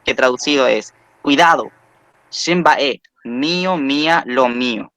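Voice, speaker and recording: A man's voice: medium pitch, normal speed, fairly bright tone, smooth, no room sound. A man teaching a recorded language lesson, patiently spelling out sounds and repeating example words.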